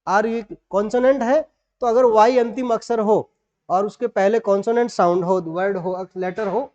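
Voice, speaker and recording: A man's voice: high voice, steady tone, moderate pace, a little mellow. A man with a Rajasthani Indian accent teaching an online grammar lesson, explaining rules step by step and spelling words out letter by letter. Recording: dull lo-fi audio.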